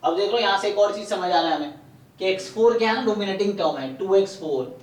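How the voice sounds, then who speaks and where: Math teacher in an echoey room. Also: male voice, sits high, quick pace, recorded from a distance. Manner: explains step by step, often asking "है ना". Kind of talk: live online lecture.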